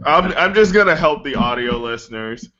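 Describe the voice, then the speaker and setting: A man's voice: a little high, lively intonation, moderate pace, sharp tone, lo-fi sound. A man hosting a casual wrestling chat, speaking with a sore, swollen lip after mouth surgery. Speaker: podcast host.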